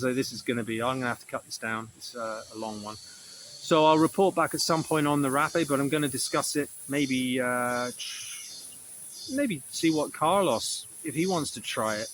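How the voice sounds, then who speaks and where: A man's voice: medium pitch, background noise. A man recording a casual, rambling video diary, swearing often and correcting himself, with a mildly sore throat. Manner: meandering, self-correcting, frequent swearing. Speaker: vlogger.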